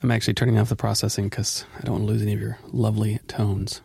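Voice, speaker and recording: A middle-aged man hosting a casual podcast chat, playful and quick to laugh, close to the mic. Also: lowish voice, level tone, creaky, darkish tone, breathy edge, no room sound. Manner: playful, laughs often, teasing. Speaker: podcast host. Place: at home, late at night.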